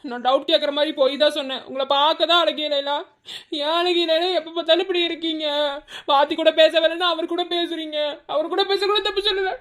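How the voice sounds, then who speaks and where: A devoted, protective young college guy, as a woman voices him in a cartoon love story, pitched very high. He coaxes and presses in quick, earnest bursts. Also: fairly even intonation, fairly bright tone. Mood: coaxing. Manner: earnest, coaxing and persistent. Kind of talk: Tamil cartoon voice acting.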